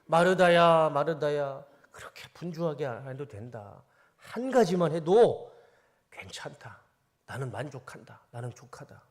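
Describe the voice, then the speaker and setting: Gentle teacher soothing a worried woman, man voicing him, soft and calming. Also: on the high side, measured pace.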